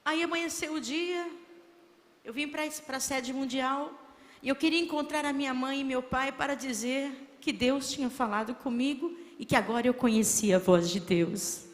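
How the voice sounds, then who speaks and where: A woman's voice: high-pitched, moderate pace. A woman with a Brazilian Portuguese accent giving an emotional church testimony, telling her story in a heartfelt, repetitive way. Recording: long reverb of a church hall.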